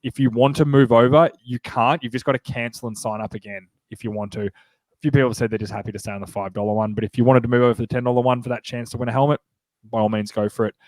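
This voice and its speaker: A podcast host, an Australian man in his thirties, leads a relaxed conversation about sports while his cold leaves him congested and nasal. He keeps things cheerful and talkative, tossing in rapid side comments in a mid-range voice. The audio is rough, dry and close-miked, with no room sound at all.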